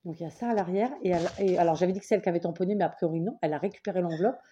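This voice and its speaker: Rapid-fire and fairly low, this French woman's dark voice sounds muffled, with a little hiss or hum. In a casual vlog, she shows off a parcel of craft paper she got in the mail, thinking aloud, restarting, trailing off and repeating how much she loves every piece.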